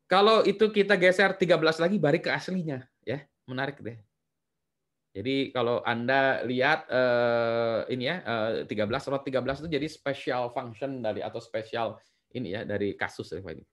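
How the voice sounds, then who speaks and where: A man's voice: mid-range voice, normal speed. Chatty man lecturing with many fillers. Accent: Indonesian. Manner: relaxed, chatty, many fillers and tag questions. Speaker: university lecturer. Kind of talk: recorded lecture.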